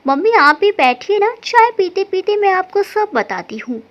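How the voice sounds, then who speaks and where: A woman's voice: very high voice, big pitch swings, moderate pace. A woman voicing a cheerful, mischievous young daughter talking playfully with her mother. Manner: playful, coaxing. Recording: dull lo-fi recording.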